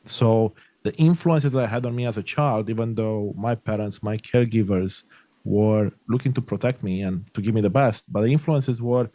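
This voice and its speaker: A middle-aged Romanian life coach, appearing as a podcast guest, speaks earnestly and reflectively in long, flowing sentences during a conversational interview. His voice is fairly low and warm at a normal pace, with no room sound but poor audio quality.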